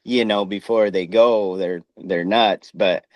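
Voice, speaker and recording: A man's voice: lowish voice, steady tone, slow, dry recording. A middle-aged man who speaks through missing front teeth, chatting casually in an interview in a folksy, plain-spoken way. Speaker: former rodeo rider and coach.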